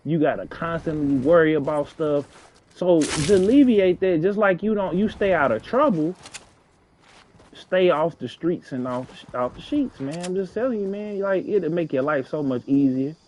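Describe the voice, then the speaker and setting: A man's voice: fairly high pitch, lively intonation, moderate pace, darkish tone. St guy rambling earnest advice while gaming, slangy, repeats himself, little hiss behind. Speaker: gaming streamer.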